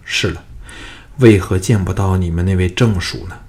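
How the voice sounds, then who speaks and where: A man voicing a shrewd young hero who speaks calmly and sincerely, with an easygoing, teasing warmth, in an audiobook. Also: low voice, normal speed, close to an everyday voice. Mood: earnest.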